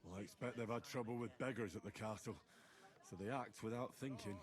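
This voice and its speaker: An actor playing a steady, practical young man who reasons calmly. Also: fairly low pitch, a little fast, lightly acted. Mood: earnest. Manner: calm, reasoning. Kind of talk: game voice acting.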